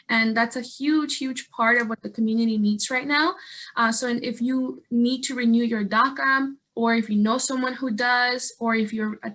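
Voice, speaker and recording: Young woman from Guatemala, slightly high, bright voice, earnest presenter on a video call. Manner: earnest, animated, many fillers and restarts. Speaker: statewide organizer and guest speaker.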